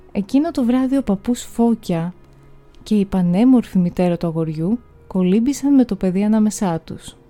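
Dark-voiced woman reading a folk tale. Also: medium pitch. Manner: measured, expressive reading. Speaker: narrator. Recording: faint music bed. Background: faint music.

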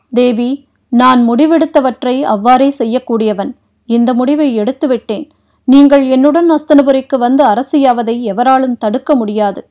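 A woman voicing a stern, restrained old warrior-prince who speaks in a grave, measured, formal way, read for an audiobook. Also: high-pitched, mellow, natural voice. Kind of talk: audiobook character reading.

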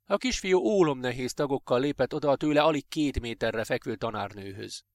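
A man reading a science-fiction short story aloud for a podcast, in a steady, measured way. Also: mid-range voice, no echo, studio quality. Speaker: narrator.

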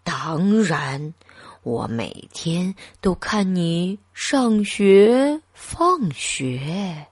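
Woman voicing a slow, sighing lonely old man. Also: fairly low pitch, very animated, slightly rough, no echo, studio quality, full character voice. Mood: gentle, melancholy. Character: lonely retired old man, gentle and sad.

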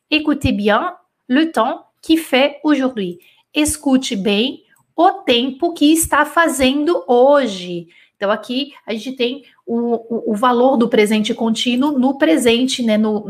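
Animated woman teaching French. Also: fairly high pitch. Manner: explains patiently, switching between Portuguese and French examples; animated, with frequent checks like "né?" and "d'accord?". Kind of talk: live online dictation lesson.

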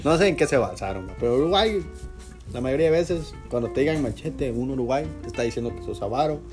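A man's voice: mid-range voice, expressive, fast, darkish tone, faint music behind. A man with a Guatemalan accent co-hosting a casual chat, joking and often talking straight to the listeners. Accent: Guatemalan Spanish. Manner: jokey, laughs often, addresses listeners. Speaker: podcast co-host.

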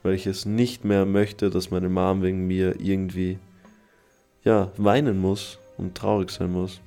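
A young man with a fairly low voice tells a personal story on his podcast. He rambles and restarts as he speaks, downcast and troubled. Faint music runs quietly under his voice. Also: level tone, unhurried. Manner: rambling, confessional, many fillers and restarts. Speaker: podcast host.

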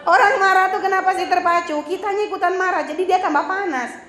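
A woman's voice: very high voice, quick pace, a bit bright, some chatter behind. A woman religious teacher giving a talk to women, chatty and teasing, acting out quoted lines. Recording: roomy hall with faint ambience.

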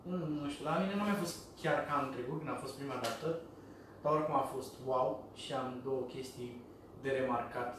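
A man's voice: medium pitch, background noise. A man in casual chat, enthusiastic and given to repeating himself. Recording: echoey room, mic far off.

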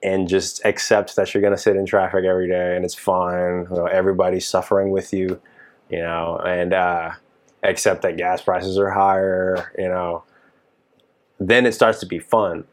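With a deep voice and moderate pace, a thirty-something touring keyboardist from Dallas, Texas, chats casually on a podcast. He's relaxed and wanders a lot, leaning heavily on fillers such as "you know."

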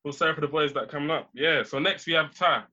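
A young man hosts in a bright, fairly high voice. He is informal and encouraging, moderating casual banter. The audio is slightly muffled. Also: quick pace. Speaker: host of a football draft.

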